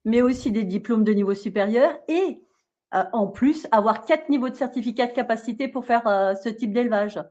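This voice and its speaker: A woman's voice: on the high side, fairly quick, dark tone. A woman raised in Australia, a bison farmer, explaining her work at length in a casual interview, and laughing easily. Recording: dull lo-fi sound.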